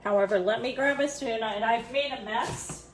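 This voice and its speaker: A woman's voice: a little high, normal speed. A woman chatting and giggling through a casual home kitchen cooking demo, a bit self-deprecating.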